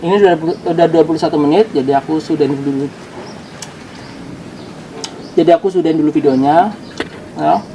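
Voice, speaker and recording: Male vlogger, slightly high voice, defensive casual monologue, noisy background. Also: fast, dark tone. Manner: defensive, explaining himself to viewers. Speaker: YouTuber.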